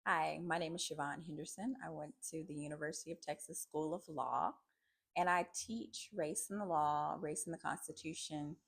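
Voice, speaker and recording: A woman law professor introducing herself in a measured, precise way. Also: deep voice, steady tone, creaky, husky. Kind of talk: formal self-introduction.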